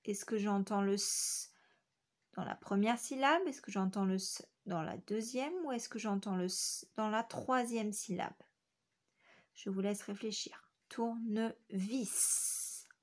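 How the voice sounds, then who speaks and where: A woman teacher giving a phonics lesson to young children, speaking clearly and repeating each word syllable by syllable. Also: medium pitch, unhurried. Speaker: schoolteacher.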